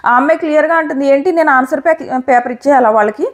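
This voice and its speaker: A woman giving an opinionated, animated review of a reality show episode. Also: sits high, rapid-fire. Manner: animated, opinionated retelling with quoted lines. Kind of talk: casual commentary.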